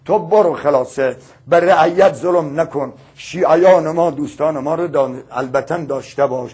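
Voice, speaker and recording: A man voicing a wounded holy martyr who speaks softly and gravely in a recited religious tale. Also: a little high. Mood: sorrowful.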